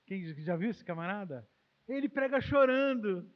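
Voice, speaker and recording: A Brazilian man preaching a sermon as pastor, emotional, swinging from loud exclamations to quiet, intimate tones. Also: high-pitched, animated, normal speed. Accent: Brazilian Portuguese. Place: church hall. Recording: long hall reverb, dull lo-fi sound.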